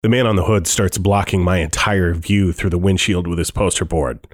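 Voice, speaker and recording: Low-voiced man narrating a tense story. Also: fairly even intonation, normal speed. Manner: tense, wry inner monologue. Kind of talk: first-person audiobook narration.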